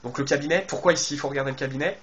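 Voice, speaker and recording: A man's voice: mid-range voice, racing, a bit bright, a little hiss or hum. A man casually commenting on a game trailer, addressing his viewers and thinking aloud with lots of fillers and restarts. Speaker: video game YouTuber.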